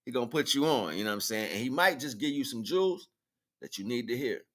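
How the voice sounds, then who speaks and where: Quick and lively, with a medium pitch, this man hosts a livestream in informal slang, constantly tossing out tag questions to his audience over a noisy background.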